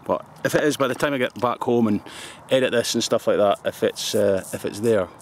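Scottish man, 50s, shaving vlogger, joking casual chat outdoors in the woods, slightly low voice. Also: a little fast, slight background noise. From Scotland. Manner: chatty, joking asides, laughs often. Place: forest outdoors. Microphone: camera close up at arm's length.

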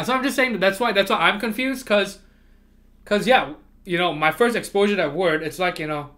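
A man with a slightly high, pushed and bright voice hosts a livestream, chatting casually with chat readers, often repeating himself and laughing. He grew up speaking Chinese and moved to America from abroad.

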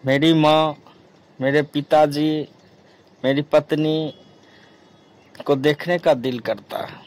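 Young husband, pleading and earnest, slow delivery, a man doing the voice. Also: on the high side, darkish tone. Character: young married man longing for home.

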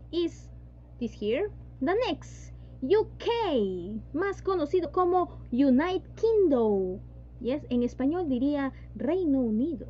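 Over a dull, lo-fi video call with a faint hum, a high-voiced English teacher runs an online class. She sounds a little mellow, blending Spanish with English and returning again and again to "yes" and "¿no?".

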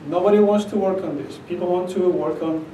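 In an echoey conference room with a projector screen, a middle-aged Argentine man with an Argentine Spanish accent talks emphatically and conversationally, often checking in with "okay?". His high voice has a dark tone and a fairly quick pace. It's recorded from a distance, with slight background noise.

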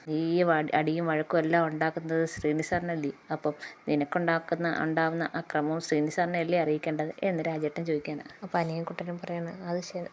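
A woman's voice: sits low, a little mellow, a little hiss or hum. A woman casually retelling a TV serial episode, quoting the characters' lines and often restarting words. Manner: retells dialogue in quotes, frequent restarts and stumbles. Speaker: serial recap narrator.

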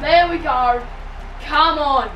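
A woman commentating her own video game match live, cheering, groaning and shouting at every play. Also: high voice, slow, highs cut off, faint music behind. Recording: roomy, slightly distant home mic with game audio.

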